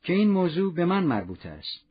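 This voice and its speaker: A dignified, kindly mayor, read by a man with a husky, expressive voice. He speaks calmly, with courteous authority. The audio is dull and lo-fi. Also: sits high, heavily acted. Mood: calm, firm.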